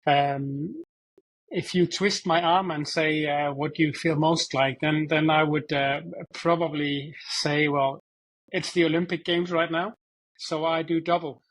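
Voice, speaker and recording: A man answers questions in a relaxed interview. He hesitates and repeats words as he thinks. His voice sits slightly high. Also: measured pace, low-quality recording. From Denmark. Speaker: guest expert. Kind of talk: conversational interview.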